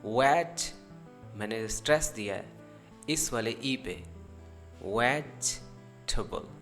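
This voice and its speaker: A man teaching an English pronunciation lesson, speaking deliberately and stretching out example words so learners can repeat them. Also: medium pitch, fairly bright tone, soft background music. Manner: switches into careful, drawn-out English for examples. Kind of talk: spoken language lesson.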